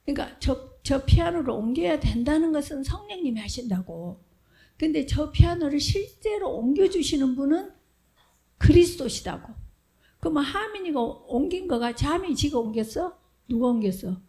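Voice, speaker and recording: A woman preaching an animated sermon to a Sunday school, asking questions and answering them herself, often dropping into whispers. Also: high-pitched, moderate pace. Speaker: children's ministry preacher. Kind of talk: lively sermon with acted-out voices.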